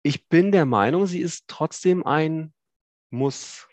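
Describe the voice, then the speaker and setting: A man in his thirties from Hamburg, with a northern German accent, joins a video call as a guest for a casual chat. His voice is on the high side and slow, with no room sound, and he's relaxed but hesitant, using lots of fillers.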